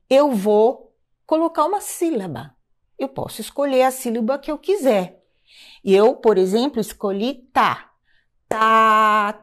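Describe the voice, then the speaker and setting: A woman teaching a music lesson at an unhurried pace, her voice leaping up and down as she explains. She chants rhythm syllables aloud in a clear, somewhat high voice. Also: a little mellow. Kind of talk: live online music lesson.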